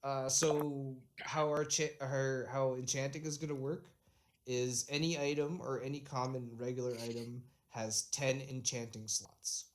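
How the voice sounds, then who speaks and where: A man acting as game master of a tabletop role-playing game, working out rules and prices aloud in a halting way. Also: medium pitch, little pitch movement, slight background noise. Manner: halting, thinks aloud with fillers.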